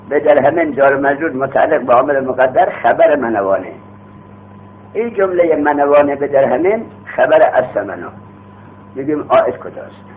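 A man teaching a grammar lesson. He explains by asking questions and answering them himself, and uses everyday street examples. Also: mid-range voice. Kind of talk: classroom lecture on a grammar text. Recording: tinny phone-like audio with faint hum.

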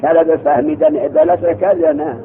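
A man leads a seminary grammar lesson, quizzing students and echoing their answers in a lively, gravelly voice that sits a little high. The sound is thin and tinny, like a phone recording. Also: slight background noise. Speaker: teacher.

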